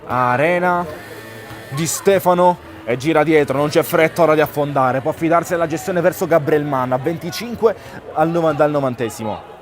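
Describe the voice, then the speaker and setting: A man's voice: a little high, moderate pace. A man giving live play-by-play commentary on a football match. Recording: outdoor stadium crowd noise. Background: crowd at an outdoor ground.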